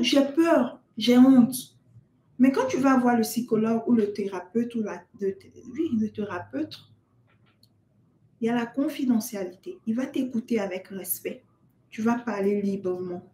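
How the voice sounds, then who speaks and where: A woman's voice: mid-range voice, mellow, roomy sound. A woman vlogger giving earnest, direct advice to new mothers, talking straight to the listener. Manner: earnest, addresses the listener as "tu" and "maman". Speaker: parenting vlogger. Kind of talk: direct-to-camera advice talk.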